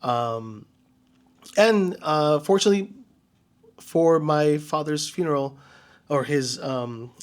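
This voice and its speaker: Halting, earnest American man vlogging. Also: fairly high pitch. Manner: halting and searching, many restarts and fillers; earnest, quietly emotional. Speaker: vlogger and DJ entertainer. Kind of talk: personal reflective vlog storytelling.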